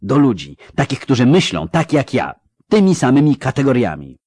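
A man's voice: medium pitch, huge pitch swings, normal speed, darkish tone, breathy edge, no room sound, studio quality, pitched above the performer's own voice. A man voicing a proud, angry young woman who protests in heated, indignant outbursts.

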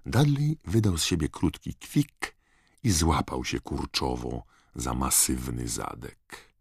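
Very deep, slow, expressive male narrator. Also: husky, dry recording, studio quality. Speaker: audiobook narrator. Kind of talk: scripted narration.

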